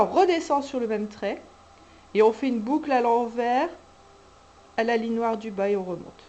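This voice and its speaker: A woman teaching cursive letters to young children, calmly talking through each stroke as she writes. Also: on the high side, slight background noise, poor audio. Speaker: kindergarten teacher. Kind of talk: handwriting lesson, step-by-step.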